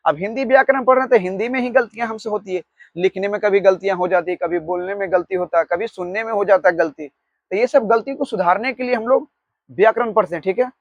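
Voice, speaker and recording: High-voiced man dictating a grammar lesson. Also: no room sound, highs cut off. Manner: slow dictation, repeating key words; explains with examples. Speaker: teacher. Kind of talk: Hindi grammar lecture.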